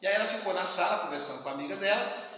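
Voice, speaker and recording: A man giving a lecture and telling anecdotes in a lively way, acting out the people he quotes. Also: high-pitched, rapid-fire. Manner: lively storyteller, acts out quotes. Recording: echoey hall, distant muffled mic.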